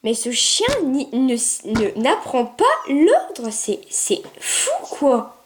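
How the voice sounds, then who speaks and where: Chatty woman, high voice, excitable gameplay commentary that slips into cooing and barked commands. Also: extremely slow. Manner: chatty, excitable, coos at her puppy. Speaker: gameplay video maker.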